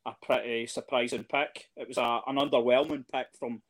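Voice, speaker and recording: A man talks in a relaxed, conversational way, mid-pitched. He hesitates a lot, filling gaps with ums and starting sentences over. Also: normal speed. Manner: hesitant, lots of fillers and restarts. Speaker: podcast guest, fan. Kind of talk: casual chat.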